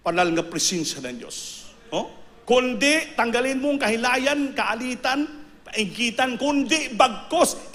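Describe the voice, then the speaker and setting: A male preacher delivering a sermon, emphatic and repetitive, breaking into sudden high bursts on key words. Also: fairly bright tone.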